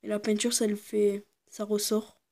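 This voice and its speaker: A woman casually presenting her fishing lures to the camera, hesitant and full of fillers, sometimes dropping into quiet asides. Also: medium pitch, completely flat delivery, normal speed, noisy background. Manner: hesitant, constant fillers and "voilà"; drops into quiet muttered asides. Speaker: fishing video maker.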